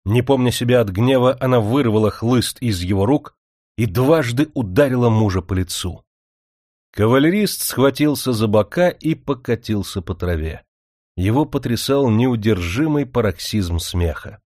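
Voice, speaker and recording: A man narrating an audiobook in a steady, dramatic reading. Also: medium pitch, moderate pace, dry recording, studio quality.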